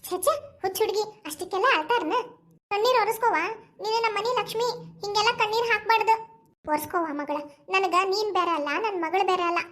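A woman's voice: very high voice, fast talker, fairly bright tone. A woman voicing a kindly older mother-in-law in a cartoon, speaking soothingly with a North Karnataka accent. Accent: North Karnataka Kannada. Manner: soothing, affectionate. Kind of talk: cartoon voice acting.

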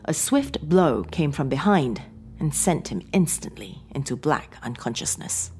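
A woman's voice: low-pitched, big pitch swings, unhurried, darkish tone, slight background noise. A woman narrating a scripted horror story in a dramatic, suspenseful reading.

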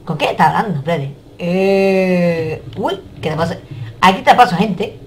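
A woman's voice: lowish voice, measured pace, darkish tone, slight background noise. A woman, commenting casually on a game as she plays and playfully teases its characters. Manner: playful, teasing game characters, laughing often. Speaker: gamer.

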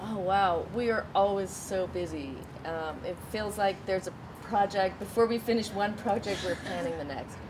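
A woman's voice: mid-range voice, moderate pace, hardly any pauses. A middle-aged woman on organization staff, chatting in an upbeat, friendly way at an outdoor patio table. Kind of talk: casual conversation. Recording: outdoor noise behind.

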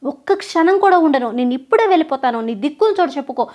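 A woman's voice: sits high, animated, fast talker, a little mellow. A woman voicing a proud young wife who answers back firmly in a told story. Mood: indignant. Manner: indignant, firm and reproachful. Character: hurt, proud young wife standing her ground. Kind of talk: storytelling with acted dialogue.

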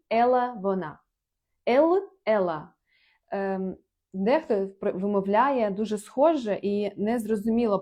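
A woman giving a casual online Portuguese lesson in Ukrainian, reading out example phrases slowly and then translating each one. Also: medium pitch, a little mellow. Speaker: Portuguese language teacher.

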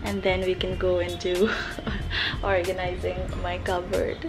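A woman's voice: lowish voice, monotone, measured pace, music in the background. A young woman vlogging casually from her bedroom, groggy from just waking up and rambling with fillers. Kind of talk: casual chat. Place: bedroom at home.

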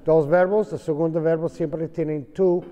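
A man's voice: a little high, fairly even intonation, moderate pace, mellow, in a large hall. A man teaching English to a class in Spanish, explaining patiently and mixing in English examples.

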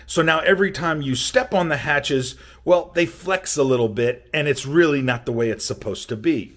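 An older man and boat restoration vlogger narrates a boat repair how-to while filming himself up close in an indoor workshop. His voice is fairly high and a bit bright, at a normal speed, and his delivery is plainspoken and matter-of-fact.

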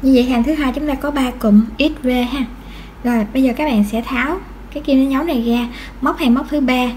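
A high-pitched woman talks through a crochet tutorial. She is patient and counts each stitch aloud. A faint hiss sits behind her voice. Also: steady tone, a little fast, darkish tone. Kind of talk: step-by-step crochet instruction.

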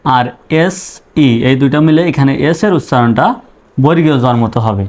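A man's voice: mid-range voice, moderate pace, darkish tone. A man, teaching English spelling in a spoken lesson. He spells words out letter by letter, then rises sharply to ask about the wrong readings.

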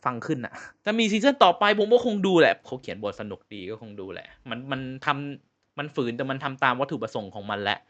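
A man's voice: mid-range voice, very animated, fast talker, fairly bright tone, highs cut off. A man giving a casual spoken review on his channel, ranting with exasperated rhetorical questions in loose, slangy talk. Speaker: vlogger reviewing a series.

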